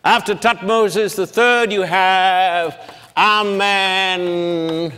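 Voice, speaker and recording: With fairly even intonation, a man gives a public Bible lecture at a blackboard in a fairly high voice that is sharp, clear, and resonant. He proceeds slowly and deliberately, separating long names into syllables, and a long reverb points to a large lecture hall.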